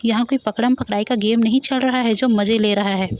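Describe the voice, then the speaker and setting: A woman's voice: on the high side, steady tone, fairly quick, darkish tone, no room sound, close to an everyday voice. A woman voicing a dramatic, cowardly young man who whines and clowns around. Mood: whiny.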